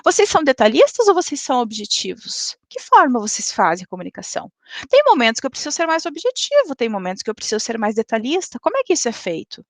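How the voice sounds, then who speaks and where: A woman lecturing in a webinar, speaking didactically and tagging points with quick checks to the audience. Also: a little high, huge pitch swings, no echo. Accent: Brazilian Portuguese. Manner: didactic, frequent "tá?" tag questions.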